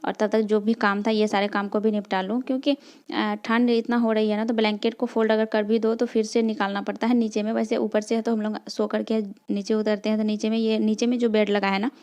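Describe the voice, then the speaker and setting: A woman's voice: mid-range voice, little pitch movement, brisk, darkish tone. A woman narrating her daily home vlog as a mother, in a chatty, rambling way with frequent restarts. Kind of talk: casual vlog voice-over narration.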